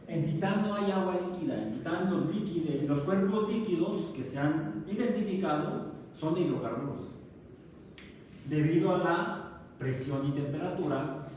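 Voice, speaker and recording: A man's voice: a little high, a little mellow. A male science professor giving a classroom lecture, stopping often to put questions to his students. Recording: echoey classroom from far off, noisy.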